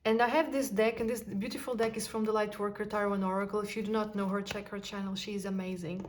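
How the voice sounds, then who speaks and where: A woman giving an intuitive tarot reading, talking softly and musing aloud with sighs and pauses. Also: mid-range voice, little pitch movement, a little hiss or hum. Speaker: tarot card reader.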